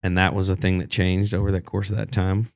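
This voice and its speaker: Deep-voiced Texan man telling stories. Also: level tone, fairly quick, creaky, no room sound, studio quality. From Texas. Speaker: podcast guest, singer-songwriter. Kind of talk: casual conversation.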